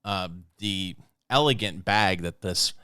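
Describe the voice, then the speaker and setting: A man co-hosting a podcast, joking in a mock-serious deadpan. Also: low-pitched, slow pace, clear, resonant tone, dry recording, clean studio sound. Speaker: podcast co-host. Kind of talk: casual comedic banter.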